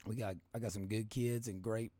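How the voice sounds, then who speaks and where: A man with a Kentucky accent and a hoarse smoker's rasp, hosting a casual podcast in a folksy, rambling, colloquial way. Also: fairly low pitch, fairly even intonation, brisk, warm tone, dry recording. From Kentucky, United States. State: hoarse from coaching. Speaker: podcast host.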